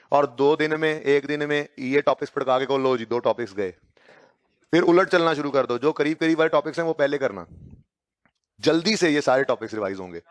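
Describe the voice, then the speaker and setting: Pakistani lecturer in a dry classroom. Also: male voice, medium pitch, dry recording. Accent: Pakistani Urdu. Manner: dictates notes slowly, urges students on. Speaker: accounting lecturer.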